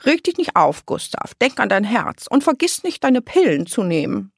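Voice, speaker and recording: A fussy, caring old grandmother scolds in a high, lively voice, as a woman reading a storybook puts her on. She sounds close and dry, with a gravelly edge. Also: normal speed, no echo, full character voice. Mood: fussing. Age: older. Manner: fussing, admonishing. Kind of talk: audiobook character voice.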